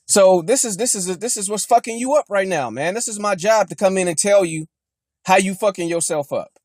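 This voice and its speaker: A young man tears into his viewers in a blunt, mocking rant, swearing nearly every line. His voice sits high for a man. The sound is dry and close, with no room around it. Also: no echo. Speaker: fitness vlogger. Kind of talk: profane motivational rant.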